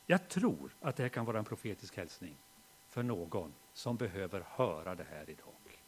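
A middle-aged man preaching a sermon and telling a personal story, moving from hushed reflection to loud, animated storytelling. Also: sits low, a little hiss or hum.

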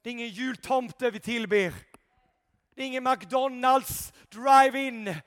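A man preaching an impassioned revival sermon, shouting at peaks and dropping to quiet intensity. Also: very high voice, in a large hall.

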